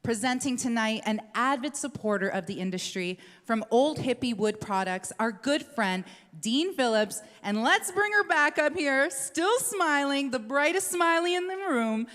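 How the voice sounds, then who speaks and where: A woman hosting a live awards gala, bringing presenters to the stage with upbeat excitement. Her voice sits a little high for a woman. It rings out through a large hall with long reverb. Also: normal speed, hardly any pauses. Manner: upbeat, hyping the crowd. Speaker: awards show host.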